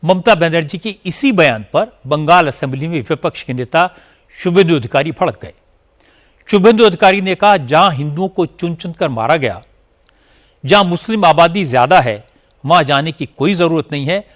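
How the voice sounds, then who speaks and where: A man anchoring a news report, narrating crisply and with emphasis. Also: fairly high pitch, expressive, moderate pace.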